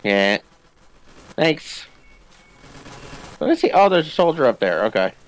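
In a low-quality recording, a man with a slightly high, sing-song voice talks a little slowly while playing a co-op video game. He keeps the chat casual and playful, with game gunfire and ambience underneath.

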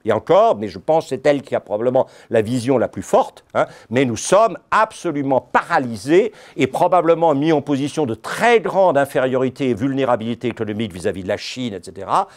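A middle-aged Frenchman, a native French speaker, delivers a university-style history lecture in a lecture hall. His mid-range voice is animated and fairly quick, with hardly any pauses. He wanders into digressions, keeps an ironic tone, and often throws asides to his audience.

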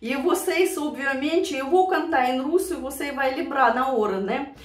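Speaking at a moderate pace with a high voice, this song-reaction vlogger from Siberia shares old memories with her viewers, warmly addressing them, laughing a lot and growing emotional. She has a Russian accent, and she sits far from the mic in a room that sounds spacious.

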